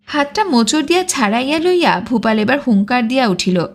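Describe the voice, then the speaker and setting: A woman narrating a literary audiobook in a measured, expressive reading. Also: a little high.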